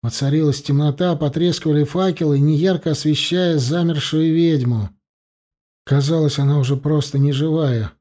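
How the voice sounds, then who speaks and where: A man reading first-person fantasy narration for an audiobook in an expressive, lively way. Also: on the high side, moderate pace. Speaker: audiobook reader.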